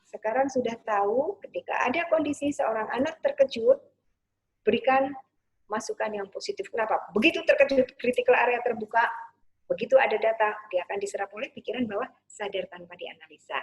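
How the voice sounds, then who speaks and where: A woman parenting coach giving a gentle online talk, sometimes acting out soothing words to a child. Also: fairly high pitch, a little fast, breathy edge.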